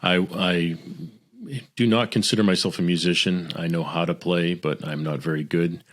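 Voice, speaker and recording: A middle-aged man from the Boston area talks as a podcast guest, relaxed and friendly as he tells his story. His voice is very low-pitched. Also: moderate pace. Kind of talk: casual interview chat.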